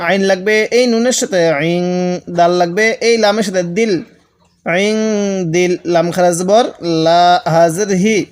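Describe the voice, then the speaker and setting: A man teaching Quran recitation, spelling each word letter by letter and then chanting it slowly, speaking directly to viewers as a patient instructor. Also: high voice. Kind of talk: spelled-out Quran reading lesson.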